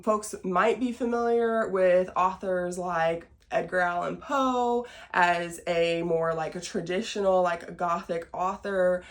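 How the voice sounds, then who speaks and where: A woman in her late twenties from small-town Southern Illinois, with an American accent, hosts a podcast and introduces the show, chatting casually to camera. Her voice is lowish and slow with fairly even intonation and hardly any pauses, and her manner is folksy and self-deprecating.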